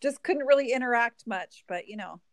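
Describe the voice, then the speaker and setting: A woman's voice: a little high, lively intonation, normal speed, dry recording. A woman guest on a podcast, chatting casually and laughing often at herself. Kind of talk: casual chat.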